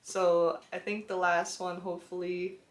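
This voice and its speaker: A woman's voice: fairly low pitch, flat delivery, measured pace, echoey room. A young woman talking casually to camera about a book, rambling and close to tears over how emotional it is. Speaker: book vlogger.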